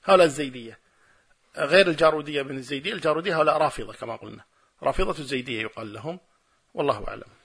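A middle-aged man delivers a religious lecture and answers listeners' questions. His voice is high and a little husky, and he talks very fast. He argues emphatically, driving his points home through forceful repetition.

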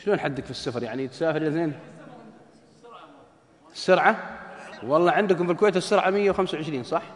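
A man's voice: on the high side, racing. A man preaching, telling stories and acting out dialogue, joking with a live audience. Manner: lively, jokes with the audience, acts out dialogue. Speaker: preacher giving a lecture. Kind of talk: religious lecture with storytelling. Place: lecture hall with live audience. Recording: echoey hall.

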